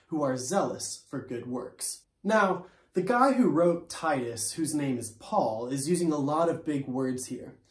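On the high side vocally, a young man runs a school chapel service from a couch in his living room. He is plain and calm for the scripture readings but playful and lively when he strums guitar and sings children's songs. A front-facing camera shows him from the waist up, and the room echoes around the guitar.

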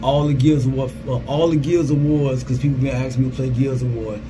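A man's voice: medium pitch, fairly even intonation, brisk, music in the background, rough recording. A man in his thirties giving a casual, informal vlog update as a gamer, often repeating his phrases. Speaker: gaming content creator. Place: small security guard booth. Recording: clear vehicle and ambient background noise.

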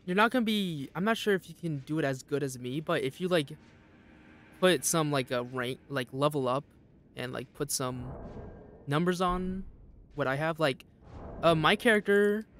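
His tone fairly bright, a young man gives casual, nervous commentary while streaming a game, laughing a lot and doing high voices for the enemies. He sounds jittery, and a little hiss or hum runs under the recording.

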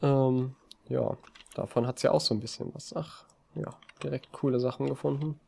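A man giving relaxed, rambling commentary over a video game from his desk, with frequent hesitations. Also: medium pitch, moderate pace, gravelly, slightly rough. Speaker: let's play gamer. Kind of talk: casual gameplay commentary. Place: home desk. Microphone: desk mic on a stand.

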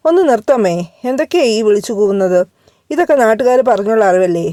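A woman's voice: on the high side, expressive, quick pace, dry recording, lightly acted. Woman voicing a desperate lovesick young man. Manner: shaky, pleading, shouting.

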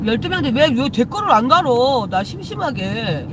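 A woman's voice: sits high, big pitch swings, moderate pace, background noise. A woman shaman hosting a casual live stream, chatting with viewers, greeting them and swearing casually. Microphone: phone.

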